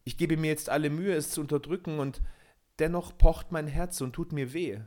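A man's voice: a little high, steady tone, moderate pace, a little mellow, pitched above the performer's own voice, natural voice. A frightened young man pleads in a raised, strained voice, as a male narrator puts him on. His tone climbs well above the storyteller's own and stays tight with worry. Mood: pleading.

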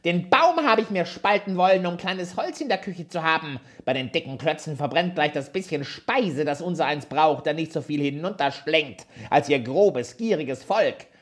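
A reader voicing an ill-tempered tiny old male dwarf with a shrill, screeching voice, scolding and insulting. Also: lively intonation, moderate pace, few pauses, lightly acted. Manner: scolding, insulting, high and loud.

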